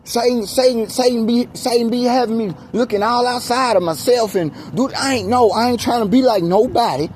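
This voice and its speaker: A man's voice: very high voice, a little fast, few pauses, darkish tone. An exasperated American man venting and preaching in casual, emphatic, repetitive talk as he walks along. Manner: speaks while walking. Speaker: vlogger. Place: outdoors on a street. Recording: street noise, handheld outdoor recording.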